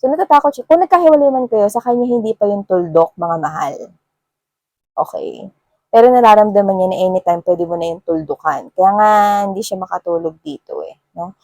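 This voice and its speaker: A woman's voice: mid-range voice, a little fast, dark tone, dry recording. A woman with a Filipino accent giving a casual tarot reading, chatty and full of filler words and tag questions. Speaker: tarot reader.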